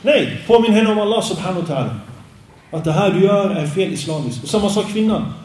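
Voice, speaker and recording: A man's voice: high-pitched, lively intonation, a little mellow. A man giving an Islamic lecture, earnest and admonishing, often asking rhetorical questions. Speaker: preacher. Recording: roomy sound, distant mic.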